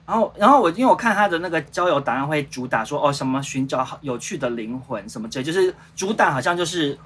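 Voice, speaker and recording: A man's voice: a little high, quick pace, slight background noise. A man in his thirties with a Taiwanese Mandarin accent, casually telling a story on a livestream and acting out the dialogue with lots of fillers. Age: 30s. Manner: animated, re-enacts dialogue, rambling with many fillers. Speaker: show producer and host.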